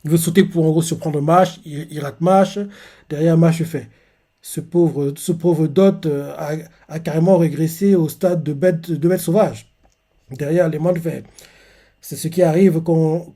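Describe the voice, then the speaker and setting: Slightly high-voiced man narrating manga panels. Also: steady tone, unhurried, warm tone. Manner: hesitant, full of "euh", narrating panel by panel. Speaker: manga reaction youtuber. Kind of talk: live reading and recap of a manga chapter.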